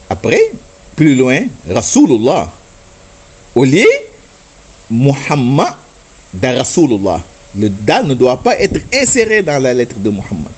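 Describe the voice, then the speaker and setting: Male religious teacher, husky timbre, mid pitch with wide swings, patient step-by-step explanation. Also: darkish tone. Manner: patient, explanatory, demonstrates chanted Arabic words and repeats "n'est-ce pas". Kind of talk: religious instruction talk.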